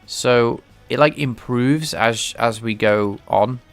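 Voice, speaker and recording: A medium-pitched man speaks slowly, with no room sound and faint music behind. He's a game developer streaming his work, thinking aloud in casual commentary as he live-codes and explains his game engine, hesitant and often restarting. He sounds a little stuffed-up and nasal from a cold.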